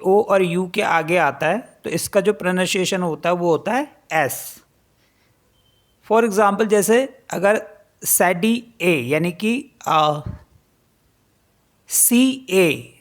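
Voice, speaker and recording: A woman teaching a French pronunciation lesson in Hindi mixed with English, spelling each word letter by letter and repeating it slowly. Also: lowish voice. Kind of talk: spoken language lesson.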